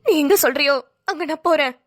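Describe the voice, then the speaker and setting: A woman voicing a stern, resolute elderly village grandmother in a cartoon, speaking bluntly and gravely. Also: sits high, lightly acted. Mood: resigned. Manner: blunt, unrepentant, slow and grave. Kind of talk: cartoon voice acting.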